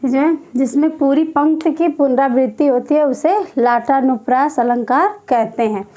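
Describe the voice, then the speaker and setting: A young woman teaching an exam-prep Hindi grammar lesson, repeating each phrase slowly as if dictating while she writes. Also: high voice, warm tone.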